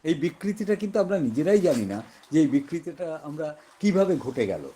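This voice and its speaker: A man teaching an exam-prep class in a West Bengal Bengali accent. His voice is a little husky and sits fairly high, with lively rises and falls as he explains. He keeps repeating example words to demonstrate their pronunciation. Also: normal speed. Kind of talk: online exam-prep lesson.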